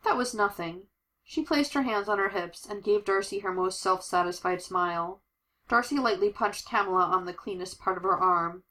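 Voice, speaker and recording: A woman's voice: medium pitch, normal speed, sharp tone, rough recording. Woman narrating a superhero story. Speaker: audiobook narrator. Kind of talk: storybook narration with character voices.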